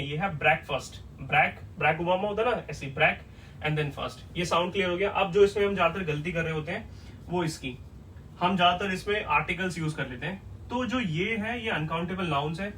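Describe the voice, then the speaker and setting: Guy teaching english at a whiteboard, kinda high voice, mic a bit far off with faint hiss. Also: fairly quick, a bit bright. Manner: explains step by step, asks "clear?" often. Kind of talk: whiteboard lesson.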